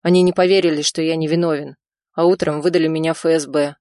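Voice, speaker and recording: A woman's voice: sits low, steady tone, fast, no room sound, studio quality, lightly acted. A woman reading the part of a frightened Georgian man on the run, speaking tensely and insistently. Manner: tense, insistent, shouting on the phone.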